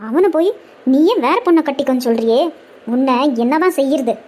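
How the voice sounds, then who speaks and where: A fierce old grandmother in a cartoon, as a woman voices her, scolding everyone in a high, sharp-tempered voice. She sounds indignant and commanding. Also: expressive, brisk.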